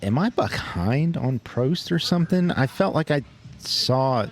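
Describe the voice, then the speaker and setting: A man's voice: medium pitch, animated, measured pace, soft background music. A man co-hosting a casual beer podcast, laid-back and hesitant, with short replies and many uhs. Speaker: podcast co-host. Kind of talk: casual chat over beers.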